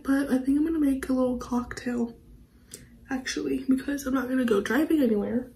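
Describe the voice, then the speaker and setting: A woman's voice: a little high, dark tone, slightly rough, rough recording. A young woman chatting casually in a home vlog, her voice nasal and congested from a cold, rambling and often dropping to a half-whisper. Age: young adult. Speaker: vlogger. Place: at home, indoors.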